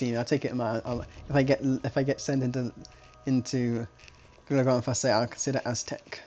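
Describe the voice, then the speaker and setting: Male game caster, chatty, rambling, restarts his sentences a lot, mid-pitched voice. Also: creaky, a little mellow. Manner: rambling, self-correcting, chatty. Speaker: esports caster. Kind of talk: live game commentary.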